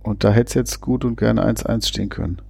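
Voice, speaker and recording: A man's voice: lowish voice, a little fast, creaky, darkish tone, slightly rough, no echo. A man giving casual, chatty football commentary, often hesitating and restarting his sentences. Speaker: fan co-commentator.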